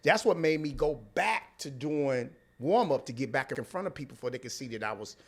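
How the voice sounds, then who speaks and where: A man's voice: medium pitch, animated, fairly quick, husky. A man with a St. Louis accent chatting candidly on a podcast as a comedian guest, slangy and profane, repeating phrases for emphasis. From St. Louis, United States. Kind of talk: candid casual podcast chat.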